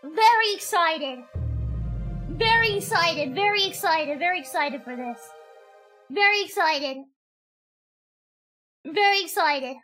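A woman's voice: extremely high pitch, expressive, slow pace, pauses often, pushed and bright, faint music behind. A young woman streamer chatting casually on a live stream, gushing and repeating herself often.

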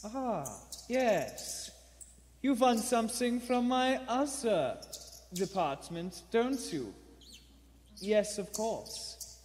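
In a live radio play recorded in an echoey theater hall, a man voices a kindly, sly old bird-shop keeper who is secretly a bomb maker. His high, expressive voice is very slow, a little mellow, and heavily acted, and his speech is courteous and wordy.

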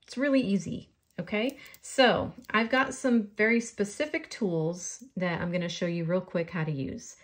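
A woman's voice: medium pitch, normal speed, hardly any pauses. A woman with a faint New York accent giving a friendly step-by-step polymer clay crafting tutorial.

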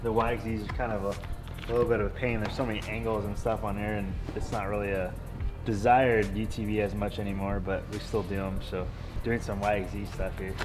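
Speaking a little fast in a lowish, even tone, this man in his thirties keeps things casual and slangy, much like a shop vlogger. The setting is an auto shop and the yard around it, and music runs beneath his words.

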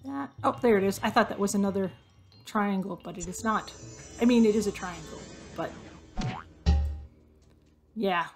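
A young adult woman casually commenting while she plays a hidden-object game, thinking aloud and joking at her own expense, her voice slightly hoarse and fading. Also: medium pitch, moderate pace, pauses often. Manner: chatty, self-deprecating, thinks aloud while searching. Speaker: gaming video host. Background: faint game music.

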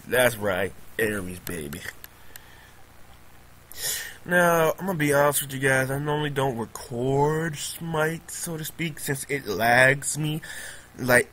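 A man casually commenting on his own game as he plays, excitable and prone to repeating himself. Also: medium pitch, low-quality recording. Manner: excitable, repeats pleading words, laughs often. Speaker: gamer recording gameplay commentary. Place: at home on a laptop.

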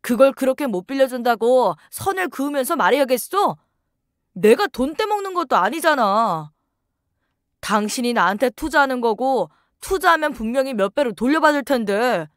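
A woman voicing an angry, pushy husband who demands money and shouts. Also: high-pitched, very animated, normal speed, no room sound, clean studio sound.

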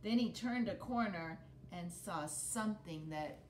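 A middle-aged woman performs a picture book for children, her reading dramatic and expressive, full of pauses and gasps. She's in a living room next to a brick fireplace. A camera placed a short distance away gives a roomy, rumbly home recording.

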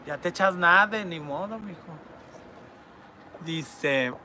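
A man reads out his viewers' messages and answers them with crude, teasing camp humor. His voice sits high for a man and rings bright and forward, with a faint hum of background noise underneath. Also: takes it slowly. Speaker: online entertainer reading fan messages. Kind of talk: comedic chat reading viewer comments.

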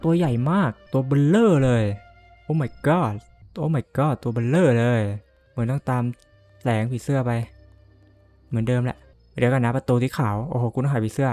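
A man's voice: medium pitch, dark tone. A man playing a horror game and commenting as he goes, jumpy, cursing and laughing nervously. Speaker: gamer.

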